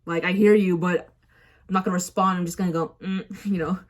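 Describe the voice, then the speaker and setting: A woman's voice: lowish voice, steady tone, quick pace. Rambling, self-mocking young woman vlogger. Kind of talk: casual storytelling vlog.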